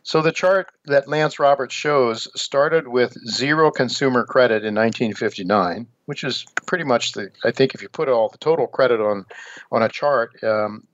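An older man in his seventies from the United States speaks as a radio host in a dull, lo-fi recording. His pitch sits at an ordinary middle level. He explains things in a measured monologue, pausing and hesitating as he goes. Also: a bit bright, no room sound. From United States, Ohio. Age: 70s. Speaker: radio show host and newsletter editor. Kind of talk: radio monologue on financial markets.

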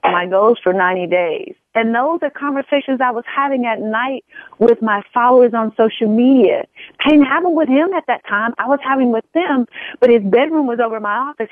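A woman's voice: fairly high pitch, moderate pace, no echo. A woman in her forties talking as a guest in an interview, earnest and repeating phrases for emphasis. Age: 40s. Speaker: guest, empowerment coach. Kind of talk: casual interview conversation. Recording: tinny phone line.

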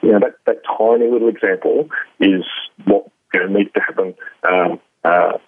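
Guest: Australian man, low husky voice, halting delivery, tinny phone line. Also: no room sound. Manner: hesitant, many fillers and restarts. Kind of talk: casual interview talk.

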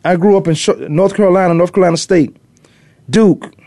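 Brisk and high-pitched with a dark tone, this middle-aged sports talk host hails from Virginia, on the US East Coast, and once played pro defensive back. His casual show is full of opinions and rambling, with points repeated for emphasis, and there's no room sound.

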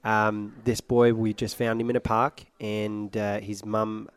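A man's voice: on the low side, completely flat delivery, a little slow, clean tone, no room sound. Playful man. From Iraq. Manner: playful and joking. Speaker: guest, singer. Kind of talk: interview conversation.

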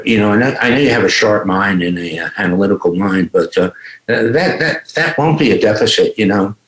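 A mature man with a low voice talks reflectively as a guest on a talk show. He feels his way through phrases with repeated starts, and the room echoes around him. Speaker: guest, spiritual teacher.

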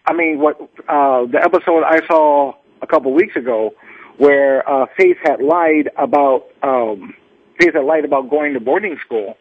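A man calling in to a radio show over a thin, clipped telephone line, halting and restarting as he talks. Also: a little high, slightly rough. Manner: halting, with many restarts and fillers. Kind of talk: casual phone chat. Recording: narrow-band phone call.

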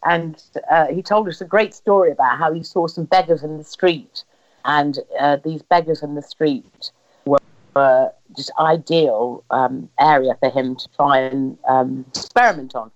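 Heard on a slightly dull, lo-fi recording, an interviewee from England speaks in a low-pitched, steady, unhurried voice. With her English accent, she tells personal family stories conversationally and acts out the dialogue she remembers.

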